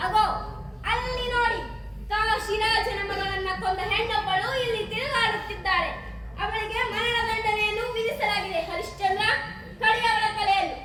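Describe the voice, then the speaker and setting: A woman's voice: very high-pitched, fairly even intonation, moderate pace, heavy reverb, recorded from a distance, noisy background. A young woman on stage voicing a harsh male master who barks orders. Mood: commanding. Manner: commanding, barking.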